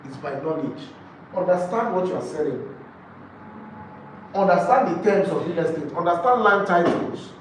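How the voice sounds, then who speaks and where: In an echoey room, recorded from afar with faint background noise, a Nigerian-accented real estate sales trainer lectures a group live. His fairly high voice has lively intonation and moderate pacing broken by long pauses, and he's emphatic, repeating key phrases and asking rhetorical questions.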